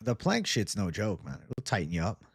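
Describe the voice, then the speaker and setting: Hosting a livestream, a man in his twenties chats casually with viewers, reading and replying to their comments in slangy, sweary bro-speak. His fairly low voice swoops wildly in pitch at a moderate pace, with a breathy edge. The recording is dry and studio-clean.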